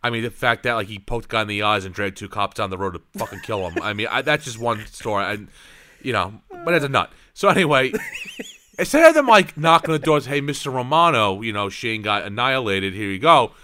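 A man's voice: fairly low pitch, fairly quick, bright, forceful tone, slight background noise. A man in his thirties telling a rambling, profane story in casual chat, full of restarts and asides.

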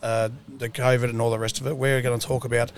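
A man hosts a casual podcast with a broad Australian accent. His voice sits at an average pitch, and his way of talking is matey and colloquial. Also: little pitch movement, fast, creaky. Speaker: podcast host. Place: mobile podcast setup at an outdoor rally.

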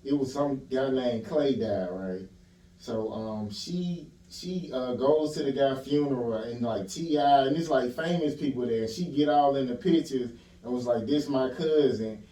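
A male host asks blunt, slangy questions in a loose conversation. His voice is mellow and dark. The room is echoey, and he sits away from the mic. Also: medium pitch, normal speed, distant mic. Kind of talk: casual interview chat.

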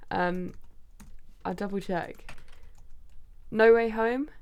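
Podcast co-host, tired young woman, vocal fry, chatty and trailing off. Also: mid-range voice, extremely slow, darkish tone. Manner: chatty, trails off, asks questions. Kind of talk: casual chat.

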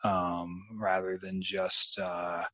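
Hesitant man with a low, dry voice. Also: completely flat delivery, pushed and bright, dry recording. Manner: halting, many fillers and restarts. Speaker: podcast co-host. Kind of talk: casual book discussion and scripted outro.

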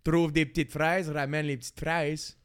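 A man's voice: fairly high pitch, normal speed, slight background noise. A man with a Quebec French accent, co-hosting a podcast and animatedly telling dad jokes. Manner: animated storyteller. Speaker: podcast co-host. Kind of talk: casual joke-telling chat.

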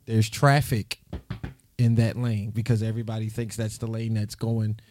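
A man's voice: fairly low pitch, level tone, normal speed, a little mellow, slight background noise. An American man in a casual panel discussion, talking emphatically and repeating phrases for stress.

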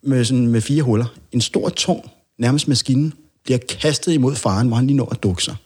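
A man's voice: medium pitch, darkish tone, breathy edge. A man chatting as a podcast guest, telling long rambling anecdotes and acting out the dialogue in them. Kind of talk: casual storytelling chat.

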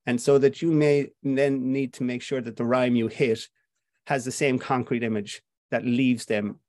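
A man's voice: mid-range voice, fairly even intonation, moderate pace, darkish tone, no echo. Irish male playwright guest, reflective and musing, dry close mic. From Ireland. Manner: reflective, with frequent fillers and restarts. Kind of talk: conversational interview.

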